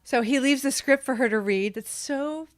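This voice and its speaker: A woman's voice: high voice, moderate pace. A woman co-hosting a casual rewatch podcast, chatty and given to laughing and trailing off mid-thought. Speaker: podcast co-host.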